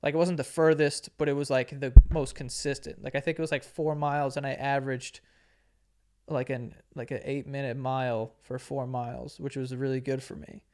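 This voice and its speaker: A man in his late twenties, hosting a podcast, tells a story at normal speed with a flat delivery and a medium, slightly mellow voice. He's easygoing and foul-mouthed, laughing frequently and mimicking what others said.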